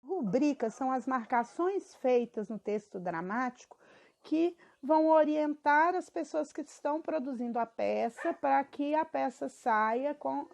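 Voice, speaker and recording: A woman's voice: sits high, vocal fry, a little mellow. A girl of about twelve, reading school questions and her answers aloud, evenly and with small stumbles. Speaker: student.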